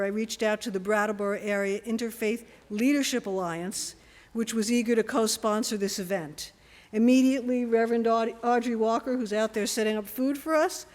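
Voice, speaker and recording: A woman with a slightly high-pitched voice gives a prepared speech introducing a guest. She is measured and orderly as an event organizer. Her voice rings with the long reverb of a hall. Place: church hall.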